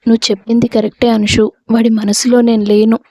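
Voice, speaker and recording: A woman's voice: fairly high pitch, little pitch movement, quick pace, dark tone, dry recording. A woman voicing a lovesick young woman who hides her feelings and pleads earnestly for her friend. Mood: sad.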